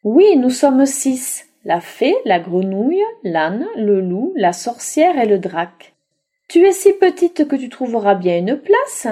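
A woman's voice: fairly high pitch, big pitch swings, slow pace, warm tone, full character voice. A woman voicing a group of small creatures, a fairy, a frog and friends, huddled inside a bagpipe, in a storybook reading. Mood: singsong.

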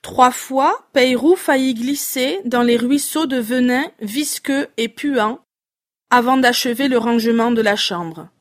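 Slow-reading woman storyteller. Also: fairly high pitch. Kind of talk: children's storybook narration.

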